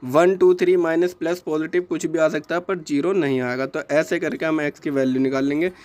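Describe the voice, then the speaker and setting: A young man walks students through a math exercise. His voice sits a little high for a man. He goes patiently, step by step, answers his own questions, and repeats the key points. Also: fairly even intonation, fairly quick, a little mellow. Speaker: math teacher. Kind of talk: classroom lesson explaining homework exercise.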